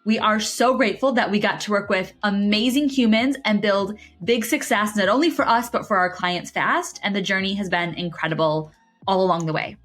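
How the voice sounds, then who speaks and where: A young adult woman co-hosting a podcast, telling a story casually with energy and quick animated delivery. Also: mid-range voice, soft background music. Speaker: podcast co-host.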